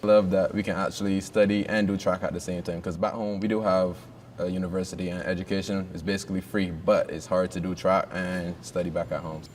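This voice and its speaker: A man, a track athlete speaking in a flat, steady way in an interview. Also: deep voice, a little fast, distant mic, slight background noise. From Barbados. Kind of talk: interview answer.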